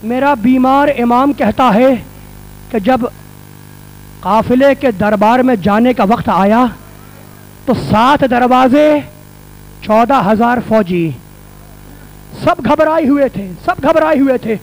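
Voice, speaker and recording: A man's voice: very high voice, vocal fry, long pauses, a little hiss or hum. A male religious scholar preaching a passionate mourning sermon to a gathering in a mosque hall. He repeats his phrases for emphasis and builds toward cries.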